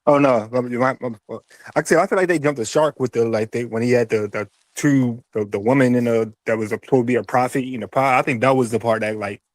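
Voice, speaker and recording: A man talks about a film in quick, halting bursts full of restarts. His voice sounds muffled, as if it came through a wall. It reaches us from a distant remote microphone. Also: mid-range voice, no room sound. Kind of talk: casual film discussion.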